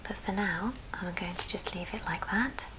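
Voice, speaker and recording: Whispering the whole time, an ASMR craft video host walks through a tutorial at a moderate pace in a mid-range voice. The recording, made indoors at a friend's house, has noticeable background noise and clicks.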